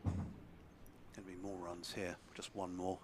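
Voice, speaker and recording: Male cricket commentator, slightly low pitch, measured and understated, live match call. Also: level tone, background noise.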